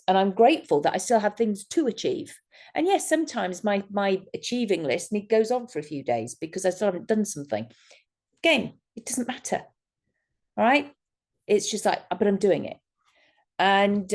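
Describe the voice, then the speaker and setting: A woman hypnotist talking casually to a workshop group, acting out people's reactions as she explains techniques. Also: medium pitch. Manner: animated, acts out quoted reactions.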